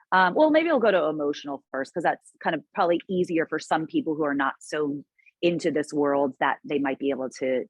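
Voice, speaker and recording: A woman's voice: deep voice, no room sound. A woman guest in a casual interview, speaking earnestly and reflectively with frequent restarts.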